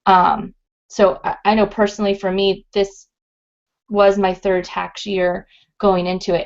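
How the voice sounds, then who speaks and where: A woman's voice: fairly low pitch, creaky, darkish tone. A woman who is a sales director, explaining tips in a casual round table chat on a muffled online call. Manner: chatty, explaining step by step.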